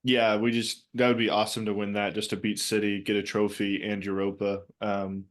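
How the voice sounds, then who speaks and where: A man's voice: fairly low pitch, level tone, brisk. A man co-hosting a casual soccer podcast over a video call, rambling with lots of fillers and restarts. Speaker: podcast co-host.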